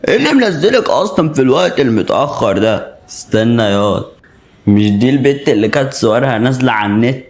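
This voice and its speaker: A man's voice: medium pitch, sing-song, fast talker. A man with an Egyptian accent voicing a mocking, sleazy young street harasser. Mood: leering.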